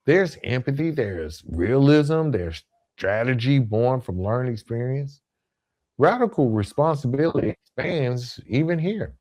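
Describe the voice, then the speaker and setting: This podcast host, a man with a mid-range voice, runs through a semi-scripted pep talk. His delivery is earnest and forceful, and he repeats phrases to drive points home.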